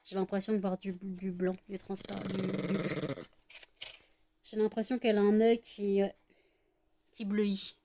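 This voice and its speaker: A woman's voice: mid-range voice, level tone, measured pace, long pauses, mellow. Middle-aged woman from France, casual vlog chat, rambling, fillers, baby talk to pets. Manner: rambling, many fillers, coos baby talk to her dogs. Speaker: vlogger.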